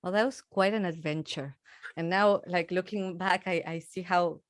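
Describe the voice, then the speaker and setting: A woman's voice: on the low side, fairly even intonation, normal speed. A woman from Argentina, a musician in her thirties, chatting in an interview and laughing often. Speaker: musician guest. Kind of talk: casual interview conversation.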